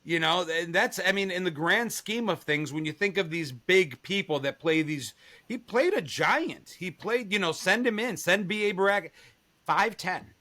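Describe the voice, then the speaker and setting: A man's voice: high voice, moderate pace, pushed and bright. A man in his fifties telling joking anecdotes as a podcast co-host in casual chat. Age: 50s.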